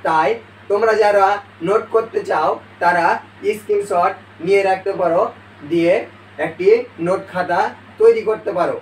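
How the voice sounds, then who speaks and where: High-voiced man teaching, echoey room. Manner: addresses viewers as dear viewers and friends; slow, deliberate explanation with pauses. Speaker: English teacher. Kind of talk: video lesson. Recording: echoey room, far from the mic, faint noise.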